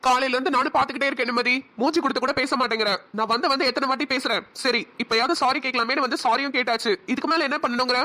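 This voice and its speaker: A woman voicing an earnest, hot-tempered young husband in a cartoon, talking quickly. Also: high voice, steady tone, bright, forceful tone. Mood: irritated. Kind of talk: cartoon voice acting.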